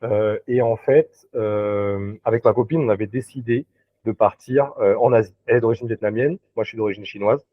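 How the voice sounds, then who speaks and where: A recruiter appears as a guest in a casual video-call interview, hesitant and full of fillers and restarts. His voice is fairly low and his speed normal, and the dry, tinny call audio has no echo.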